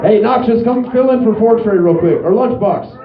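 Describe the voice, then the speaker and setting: A man hosting a live talk show on a nightclub stage, loudly hyping the crowd with profane shouts. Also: sits high, normal speed. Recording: echoey, slightly dull live club sound with crowd.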